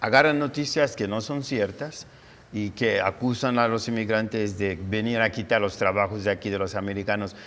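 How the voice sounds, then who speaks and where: A man's voice: on the low side, fairly even intonation, normal speed, a bit bright, in a large hall. A man hosting a TV interview, affirming his guest with short "ujú" and "ok" replies and then making his own points. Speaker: TV show host. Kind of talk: conversational TV interview.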